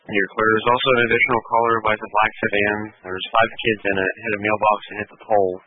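A man working as an emergency dispatcher, calling out unit numbers and addresses in clipped, rapid bursts over a police radio transmission. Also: lowish voice, level tone, slightly rough, no room sound. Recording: tinny two-way radio scanner audio.

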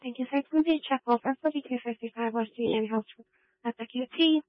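A woman police dispatcher talks over the police radio, her fairly high voice squeezed thin and tinny by the narrow channel. She reads out call details quickly in short coded bursts. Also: a little hiss or hum. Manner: brisk, clipped radio codes. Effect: police radio transmission.

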